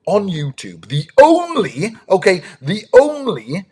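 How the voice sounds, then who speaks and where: Lively man hosting a kids' live stream. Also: sits high, slow pace, breathy edge. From United Kingdom. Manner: lively and eager, greets chat viewers, many ums. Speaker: host, dinosaur ranger. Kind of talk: live-stream chat with young viewers.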